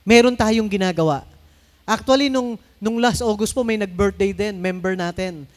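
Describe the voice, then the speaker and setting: A man's voice: sits high, moderate pace. A middle-aged Filipino man preaching a sermon in a conversational way, mixing in English phrases and asking the congregation to answer him. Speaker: pastor.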